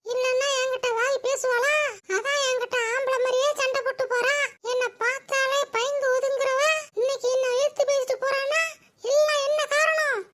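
Voicing a bragging village gossip with a Tirunelveli Tamil accent, a woman speaks at normal speed in a very high, flat voice. Her character scolds sharply, gossips, and wails dramatically.

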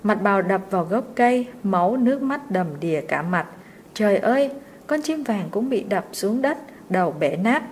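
Woman storyteller, steady expressive reading, mid pitch. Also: moderate pace, a little hiss or hum. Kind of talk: reading a short story aloud.

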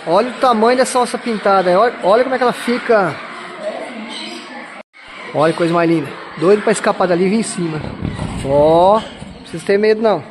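A man with a southern Brazilian Portuguese accent films a visit to an outdoor wildlife park on a phone he holds while walking, talking enthusiastically to his viewers and constantly exclaiming in awe. His voice is high and brisk, broken by long pauses. The noisy outdoor recording picks up ambience and animal sounds around the enclosures.

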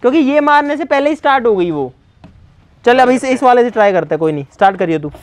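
A man's voice: very high-pitched, lively intonation, fast, no room sound. A man talking casually to viewers while he demonstrates a bike trick, calling out repeated urgent commands to a helper. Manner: chatty, addresses viewers as brother and guys, repeats urgent commands. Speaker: vlogger. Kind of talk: casual hands-on demo vlog.

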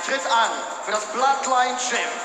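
A man working as a ring announcer, with bombastic, brash fight-promoter hype and drawn-out, shouted names. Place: large indoor fight arena. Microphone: announcer microphone through arena PA. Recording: booming arena PA, long reverb, loud crowd, music.

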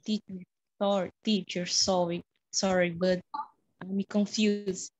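A woman's voice: mid-range voice, little pitch movement, slow, darkish tone, dry recording, muffled recording. A woman student in an online class, hesitant and apologetic, asking the teacher to repeat. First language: Portuguese.

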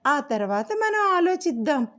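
A woman voicing a sweet-talking friendly female parrot in a children's storybook, in a high lively voice. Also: a little slow, heavily acted. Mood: soothing. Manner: high, lively, gentle coaxing.

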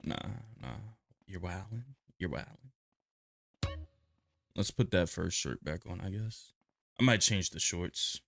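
Deep gravelly young man gaming. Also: normal speed, a little hiss or hum. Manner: relaxed, slangy, laughs at the game. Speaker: gaming youtuber. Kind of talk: casual gameplay commentary.

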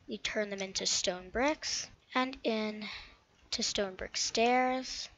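A woman commenting live while she plays a building game, halting and thinking aloud, recorded on a dull lo-fi mic with keyboard clicks behind her. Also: medium pitch, fairly bright tone. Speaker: gaming channel host.

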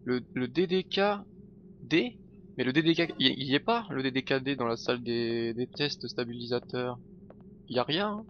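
A man streams his gameplay, chatting and muttering to himself with frequent swearing, in a medium-pitched voice with lively intonation at a moderate pace. Faint game music and slight background noise sit under the slightly dull, lo-fi stream audio.

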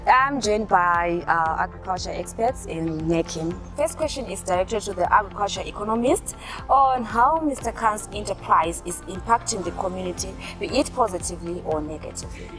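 Young Zimbabwean woman panel host, formal, clear music underneath. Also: mid-range voice, animated, moderate pace. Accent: Zimbabwean English. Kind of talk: moderating a panel.

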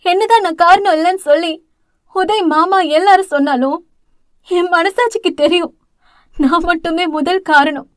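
A woman's voice: very high-pitched, normal speed, no echo, clean studio sound, pitched above the performer's own voice. A woman voicing a guilt-ridden young elder sister in an audio novel, speaking tearfully and blaming herself. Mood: anguished. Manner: tearful, pleading, self-blaming.

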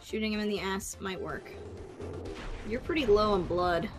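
A woman's voice: medium pitch, moderate pace, soft background music. A woman co-hosting a let's-play, making tired, wry, swearing remarks with laughs. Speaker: co-host of a let's-play show. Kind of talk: casual game commentary.

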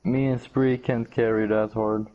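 A man's voice: mid-range voice, little pitch movement, unhurried, mellow, a little hiss or hum. A man talking casually to teammates in online game voice chat. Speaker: online team gamer. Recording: dull lo-fi voice chat.

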